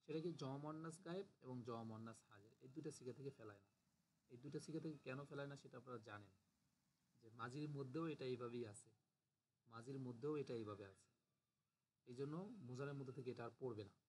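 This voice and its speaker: A man's voice: medium pitch, quick pace, a little mellow, a little hiss or hum. A man teaching a grammar class, patiently explaining and repeating word forms aloud for students to drill. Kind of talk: online class lecture.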